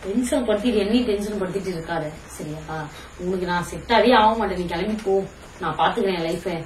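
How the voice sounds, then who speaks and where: A woman's voice: medium pitch, fast, darkish tone, roomy sound, distant mic, a little hiss or hum, poor audio. A young woman in a casual prank vlog, talking bluntly and scolding, then teasing. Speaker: prankster vlogger.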